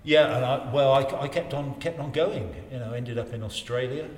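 A man, reminiscing casually in a rambling, halting way and repeating his phrases. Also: medium pitch. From Wiltshire, England. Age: 60s. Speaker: interview guest in local politics. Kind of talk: casual life-story reminiscing. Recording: roomy reverberant space, faint background noise.

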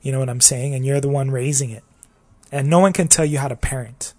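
A man's voice: medium pitch, steady tone, fast talker, a little mellow. A man with a slightly scratchy voice hosting a casual solo podcast, talking in a rambling, reflective way and often asking "you know what I mean?". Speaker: podcast host.

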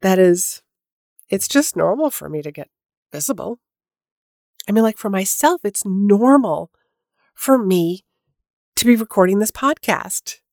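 On her solo podcast, a woman with a head cold sounds slightly nasal as she chats casually, using lots of fillers and restarting sentences. Her mid-range, darkish voice is animated but unhurried, with long pauses. The sound is clean studio quality with no echo.

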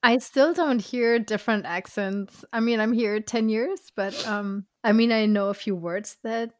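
Woman host asking relaxed questions. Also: a little high, unhurried, no echo, studio quality. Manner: relaxed, asks short questions, laughs along. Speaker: podcast host. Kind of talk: casual interview.

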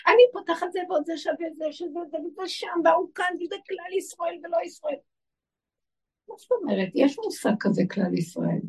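A woman's voice: very high voice, animated, distant mic, rough recording. A woman giving a religious talk to a live audience. She asks her listeners questions and chants lists of single words. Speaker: spiritual teacher.

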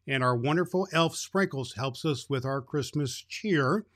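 A man playing Santa Claus as a jolly, grandfatherly old man, talking kindly and haltingly to children as host of a Christmas story show. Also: medium pitch, a bit bright. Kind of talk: unscripted, folksy address to child listeners.

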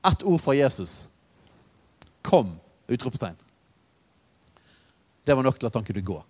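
Male preacher, chatty storytelling sermon, mid-pitched voice, long hall reverb. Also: very animated. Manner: conversational, storytelling with asides.

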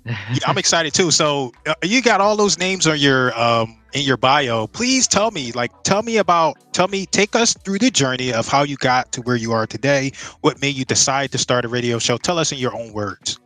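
A man's voice: medium pitch, expressive, moderate pace, hardly any pauses, sharp tone, no echo, low-quality recording. A man hosting a podcast, reading a scripted introduction and then asking questions, sometimes stumbling on words. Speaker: podcast host.

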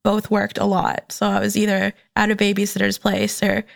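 A woman from Minnesota, a guest in a studio interview, talking in an easygoing, unhurried way and often laughing. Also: mid-range voice, completely flat delivery, gravelly. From Minnesota, USA. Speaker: guest, graphic designer. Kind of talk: casual interview chat. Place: recording studio.

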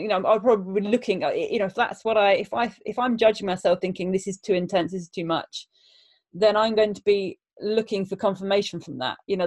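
A woman's voice: mid-range voice, a little mellow. A woman speaking reflectively in a casual conversation, hesitant and restarting her sentences often. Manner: hesitant, halting, frequent restarts.

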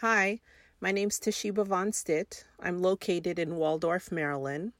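A woman from Jamaica introduces herself in a measured, orderly way. Her voice sits a little low. The recording is dry with no room sound. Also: steady tone, dry recording. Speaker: guest mother.

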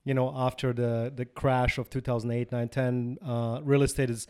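A man's voice: medium pitch, level tone, moderate pace, dark tone, clean tone. A man hosting a podcast, giving short replies and asking loose, stammering questions in a casual interview. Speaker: podcast host.

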